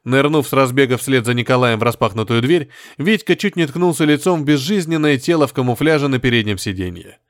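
Steady male audiobook narrator. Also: medium pitch, fairly quick, few pauses, no echo, studio quality. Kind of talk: scripted narration.

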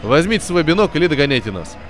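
A man voicing a brisk, unflappable airship captain who speaks loudly and with authority. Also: a little high, sing-song, slight background noise. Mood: breezy. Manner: loud, brisk, commanding.

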